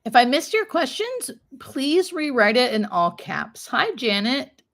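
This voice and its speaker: A woman's voice: high voice, big pitch swings, a little slow, creaky, fairly bright tone. Female hospice nurse, live-stream host, informal conversational delivery with plain explanations. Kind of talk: casual live-stream chat answering viewer questions.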